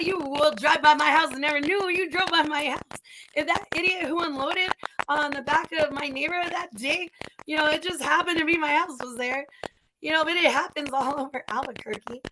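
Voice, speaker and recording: Blunt, high-pitched woman host with a crackly, distorted mic and plain hiss behind her voice. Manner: blunt, outspoken, swears freely. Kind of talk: casual opinionated livestream talk. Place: home.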